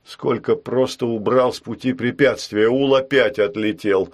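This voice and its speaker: A man narrating an audiobook in an even, measured reading. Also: medium pitch.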